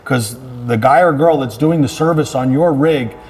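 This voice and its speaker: In an interview as a fire chief, a man discusses his work at a moderate pace, his mid-range voice husky and darkish. He's earnest and conversational, and he repeats phrases to stress his points.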